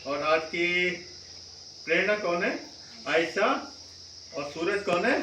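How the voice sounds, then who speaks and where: A male school teacher with a high voice explains a lesson patiently, often pausing to check that the class follows. He sounds roomy and a little distant from the mic, with faint insect sounds behind him. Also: pushed and bright, a little hiss or hum.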